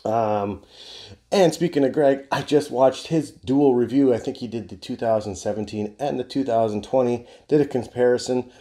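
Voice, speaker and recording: Speaking at a normal speed with a medium-pitched, dark voice, this forties-aged beer reviewer chats casually to camera in his indoor home bar. His video hosting is enthusiastic and rambling, peppered with casual swearing.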